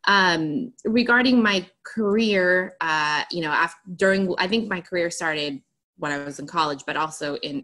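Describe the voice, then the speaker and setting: Speaking in a low, pushed, bright voice, a Greek attorney and author guesting on a podcast responds eagerly to the interviewer. Her answers spill out in long, run-on stretches.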